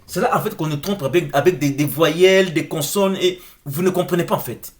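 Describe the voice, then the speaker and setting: A male presenter of an online video lecture talks briskly in a voice on the high side. His informal explanatory talk runs over on-screen text, and he asks viewers questions directly, often repeating words as he searches for them.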